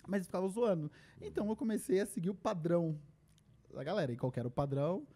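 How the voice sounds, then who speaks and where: This young adult podcast guest, who has a Brazilian Portuguese accent, talks fast in a high voice while telling stories casually. He animatedly acts out every line he quotes.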